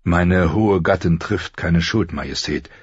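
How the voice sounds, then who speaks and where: A man voicing a wounded, weary lord who speaks quietly and gravely with icy politeness. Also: low voice, measured pace, no echo, dull audio.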